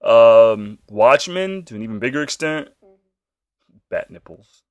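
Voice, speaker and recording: Animated man chatting casually, dry sound. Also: mid-range voice, a little slow, clean tone, no room sound, dull audio. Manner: animated, swears freely, puts on silly quoted voices. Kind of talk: casual chat about comic book shows.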